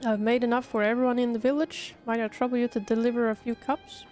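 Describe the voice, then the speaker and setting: Gentle village chai brewer, read by a woman. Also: on the high side, little pitch movement, fast talker, soft background music, lightly acted. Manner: polite, formal, old-fashioned phrasing.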